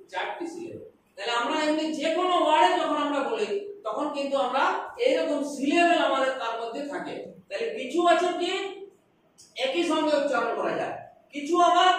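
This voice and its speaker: Teacher lady, high voice, slowly sounding out words syllable by syllable, really echoey room, mic kinda far. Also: a little hiss or hum. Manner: patient, stretches words out syllable by syllable. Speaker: primary school English teacher. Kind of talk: classroom lesson explanation. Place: classroom. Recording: echoey classroom, recorded from a distance.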